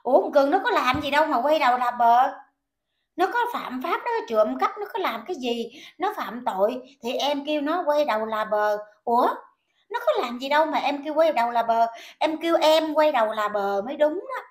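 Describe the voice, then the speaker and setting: A woman with a high voice and a Southern Vietnamese accent scolds someone in a ranting commentary vlog. She fires off repeated indignant questions and talks straight to her viewers. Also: lively intonation, a little fast.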